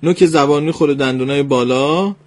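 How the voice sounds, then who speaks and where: A male radio host teaching Quran recitation to a caller, his voice sitting a touch high for a man. He coaches politely and patiently, repeating syllables for her to copy. The sound is close and dry, with no room in it. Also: no echo. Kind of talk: live call-in radio lesson.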